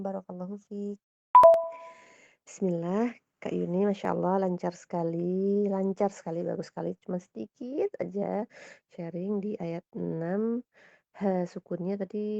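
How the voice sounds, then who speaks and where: A woman teaching Quran recitation in voice notes, gently correcting students and slowly modeling Arabic sounds. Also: fairly low pitch, gravelly, dry recording. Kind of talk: voice-note feedback on recitation. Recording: dull, lo-fi voice note.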